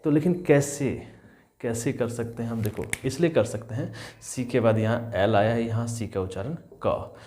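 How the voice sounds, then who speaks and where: A man's voice: mid-range voice, normal speed, a little mellow. Male teacher spelling out words. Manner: repeats each rule, spells words out letter by letter; addresses students as children, checks in with "is that clear". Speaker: English teacher. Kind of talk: spelling and pronunciation lesson.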